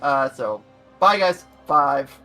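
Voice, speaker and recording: A man's voice: mid-range voice, expressive, slow, bright, forceful tone. A man chatting casually as a player in a tabletop game. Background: faint music.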